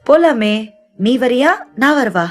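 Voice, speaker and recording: Brief: a loud, teasing girlfriend, playful, audiobook dialogue. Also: a little high, expressive, slow. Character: teasing young best friend, lively and loud.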